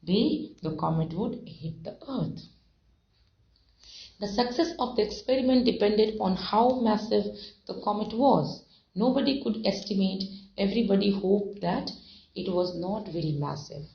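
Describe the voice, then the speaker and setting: A woman teaching an English textbook lesson, reading passages aloud and explaining words slowly, with many fillers and repetitions. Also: mid-range voice, vocal fry. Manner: slow, repeats and defines words, many fillers. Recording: dull lo-fi recording.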